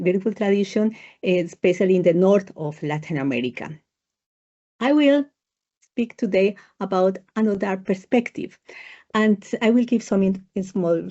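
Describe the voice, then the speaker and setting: A woman's voice: mid-range voice, warm tone, highs cut off. Colombian-accented woman presenting on a video call. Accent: Colombian Spanish. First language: Spanish. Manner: measured, with hesitant fillers. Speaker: presenting researcher. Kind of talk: academic webinar presentation.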